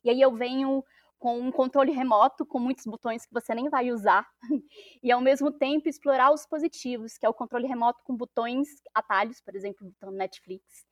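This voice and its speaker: Female guest, slightly high voice, didactic and list-like, dry close mic. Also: fairly even intonation, dry recording. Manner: explanatory, lists points with filler pauses. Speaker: podcast guest. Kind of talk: casual podcast conversation.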